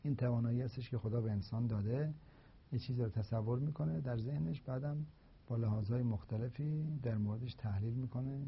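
A man lecturing on philosophy of language, explaining slowly and deliberately with repeated examples. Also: medium pitch, a little hiss or hum. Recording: dull, lo-fi recording.

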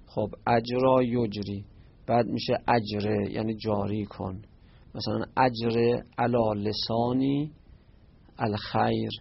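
A man teaching an Arabic grammar lesson, reciting verb forms in slow, drawn-out chants. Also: medium pitch, creaky, slightly rough, no echo. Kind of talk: classroom lesson. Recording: muffled lo-fi recording.

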